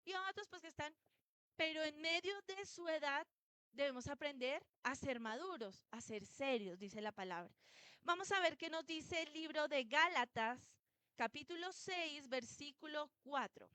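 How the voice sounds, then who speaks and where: A woman's voice: high-pitched, lively intonation, measured pace, bright, forceful tone, dry recording. A woman preaching a sermon to a church congregation, telling stories and putting questions to her listeners. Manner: storytelling, asks the congregation questions.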